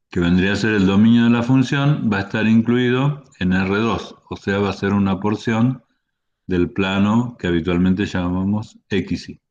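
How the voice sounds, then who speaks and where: A man's voice: on the low side, darkish tone, muffled recording. A man giving an online university math lecture, explaining step by step with frequent restarts and fillers.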